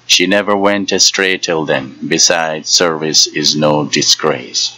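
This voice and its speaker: A haughty young chief's niece ordering people away with scorn, as a male reader voices her. The voice stays the reader's own, extremely deep, slow and husky with a bright edge, recorded close and dry. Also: fairly even intonation, dry recording, exaggerated voice, poor audio. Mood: scornful. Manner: scornful, commanding.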